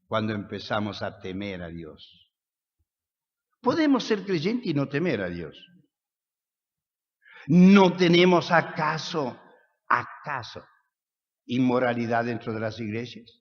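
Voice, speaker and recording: A man with an Argentine accent preaching a sermon, asking rhetorical questions and swinging between soft and loud. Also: medium pitch, big pitch swings, moderate pace. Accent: Argentine Spanish. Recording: echoey hall, dull lo-fi sound.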